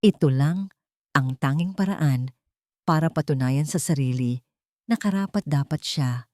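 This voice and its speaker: A woman with a Filipino accent narrates a scripted romantic drama as a storyteller. Her voice sits low and is a little slow and mellow, captured as a dry recording with clean studio sound.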